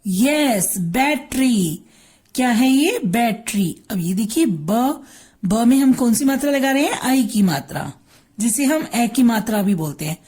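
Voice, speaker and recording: A woman's voice: fairly high pitch, expressive, measured pace, darkish tone. An Indian woman teacher giving a patient drawing and Hindi lesson to young children, repeating words and switching between Hindi and English.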